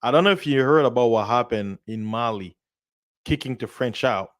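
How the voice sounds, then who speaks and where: A man in casual political discussion, telling a story in an animated way and acting out the voices of the people he quotes. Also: medium pitch, moderate pace, dry recording, clean studio sound.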